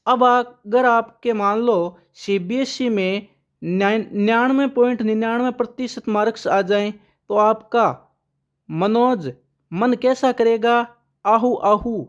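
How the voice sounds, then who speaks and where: A current affairs teacher runs an exam-prep lesson using memory tricks, asking questions aloud, answering them, and repeating the key names. The voice is mid-range and the audio dull.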